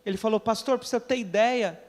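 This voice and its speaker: A pastor from Brazil preaching a sermon, telling a story and acting out the people in it, with questions to the congregation. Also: male voice, high voice, fairly quick, big-room sound. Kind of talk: sermon with acted dialogue. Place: church during a service.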